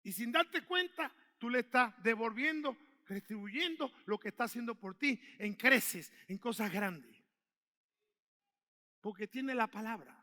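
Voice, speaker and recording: A male pastor preaches with fire, swinging between shouted calls and quieter asides that draw the congregation into call-and-response. His voice sits very high for a man and sounds extremely bright and piercing. The long reverb of a church hall trails behind every phrase. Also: lively intonation, measured pace. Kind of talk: sermon.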